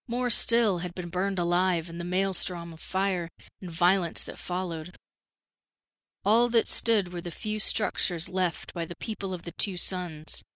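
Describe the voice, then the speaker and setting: A woman narrating a first-person fantasy story at a steady, measured pace. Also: on the low side, no room sound.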